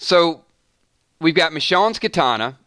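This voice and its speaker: This fan channel host's voice is a little high, unhurried, bright and forward, with a smooth, clean tone. Running a casual live stream, he's animated and repeatedly interrupts himself to respond to chat with "hold on" and "wait a minute." The audio is close and dry, without any room sound.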